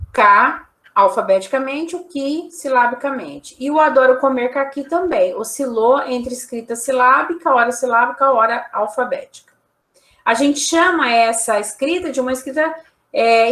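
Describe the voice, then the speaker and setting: A woman's voice: on the high side, fairly bright tone, reverberant. A woman teacher giving a recorded online lecture, explaining examples one by one with frequent tag questions.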